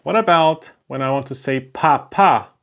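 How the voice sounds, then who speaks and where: Mid-range and fairly bright in tone, this man speaks at a moderate pace with a German accent, being a native German speaker. He teaches Hebrew in a slow explanatory lesson at a board, patiently going step by step with check-ins of "right?"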